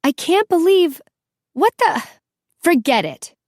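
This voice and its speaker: A woman's voice: medium pitch, normal speed, no echo, studio quality, natural voice. A woman voicing a fiery, fed-up teenage girl who snaps sharply, in an audiobook. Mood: furious. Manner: sharp, exasperated yelling.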